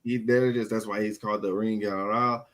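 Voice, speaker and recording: A man's voice: on the low side, steady tone, fast, a bit bright, poor audio. A man co-hosting a casual wrestling review show, often restarting and repeating words as he talks. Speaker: podcast co-host.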